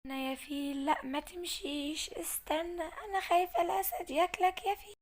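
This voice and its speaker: A woman's voice: steady tone, a little fast, slight background noise. A woman with an Egyptian Arabic accent voicing a timid young female giraffe in a storybook tale, calling out in a panicky, pleading way. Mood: worried. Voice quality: high, bright girlish voice. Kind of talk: storybook acting.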